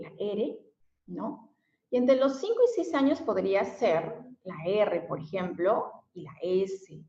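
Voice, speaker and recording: A Mexican special education teacher talks through a lesson in a mid-range, somewhat mellow voice, using plenty of fillers and tag questions. The sound is dull and lo-fi, with room echo.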